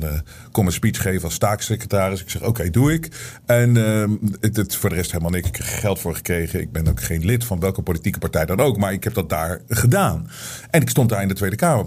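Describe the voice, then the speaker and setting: A middle-aged man speaks to his audience in a loose, rambling monologue, stumbling over fillers and restarts before building into animated argument. His voice is husky and mellow, with a dark, soft tone. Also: medium pitch. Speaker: online show host. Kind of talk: casual monologue to viewers.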